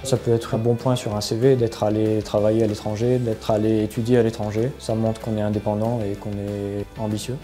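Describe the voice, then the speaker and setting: A man's voice: fairly low pitch, flat delivery, a little fast, few pauses, warm tone, soft background music. A young man from Belgium, an apprentice talking evenly with some hesitation.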